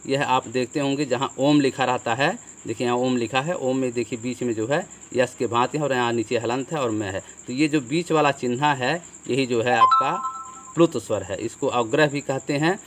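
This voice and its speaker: A man's voice: medium pitch, moderate pace, background noise. A man teaching Hindi grammar as a classroom lesson, explaining step by step, asking questions and answering them himself. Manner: explanatory, repeats with "ठीक है" and rhetorical questions.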